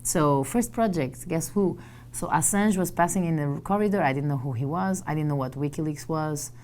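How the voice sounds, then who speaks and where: A woman from Portugal, giving a motivational talk to an audience and telling her story with animated, acted-out dialogue. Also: low voice, normal speed, slight background noise. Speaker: guest speaker.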